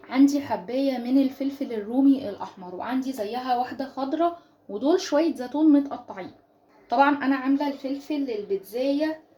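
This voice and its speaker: A woman with an Egyptian accent hosting a casual home cooking tutorial, chatty and coaxing as she talks her viewers through each step in her kitchen. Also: high voice. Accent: Egyptian Arabic. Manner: chatty and warmly coaxing, addresses viewers as ladies. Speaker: home cooking channel host.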